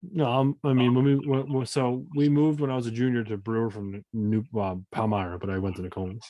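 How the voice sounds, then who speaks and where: A podcast host from Maine rambles through old basketball stories in a casual, profane way. His voice sits at a middle pitch. It is recorded close and dry. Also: level tone, brisk, no room sound, lo-fi sound. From Maine, USA. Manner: rambling storyteller, swears casually. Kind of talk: casual chat.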